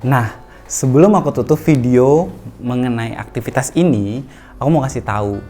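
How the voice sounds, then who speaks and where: A man working as a child therapist, calmly explaining home exercises to parents in an instructional talk. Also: medium pitch, faint music behind. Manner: calm, explanatory, with slow singsong demonstrations.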